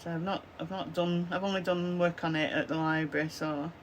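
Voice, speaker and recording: Slight background noise accompanies this craft vlogger, a Lancashire-born woman in her fifties with a Lancashire accent, a chesty cough and a hoarse voice. Talking to a close-framed camera at her desk in her small craft room, she rambles chattily with many "um, so yeah" fillers, her fairly low voice steady in tone and a little fast.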